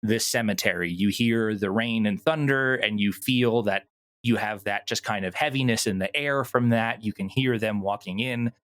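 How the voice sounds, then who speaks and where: A man appearing as an interview guest, an audio drama producer, speaks casually about his creative work and thinks aloud as he explains. His voice is on the low side and a bit bright, at normal speed, with no room sound.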